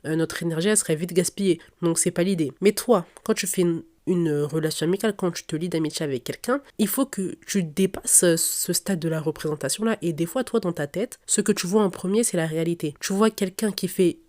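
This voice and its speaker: With faint music underneath, a sick young podcaster speaks a little fast and with few pauses, handing out casual, direct advice to whoever's listening. Her fairly low, slightly mellow voice sounds stuffy and nasal from her cold, blocked nose and sore throat.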